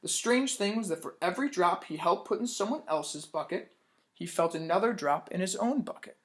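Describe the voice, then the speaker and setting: This man has a high, slightly bright voice with lively intonation, speaking a little fast. He reads a picture book aloud to kids at storytime, teaching as he goes by asking questions and praising answers.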